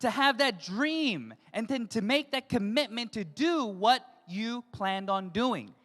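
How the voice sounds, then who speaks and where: A woman addresses a crowd from a stage in a large hall, her slightly high voice carried on a stage mic. Long reverb trails after her short, measured phrases. She keeps prompting listeners with quick check-in questions. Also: lively intonation. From United States. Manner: pauses in short chunks, asks the audience "yes?". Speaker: motivational speaker at a business event. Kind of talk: stage speech with consecutive interpretation.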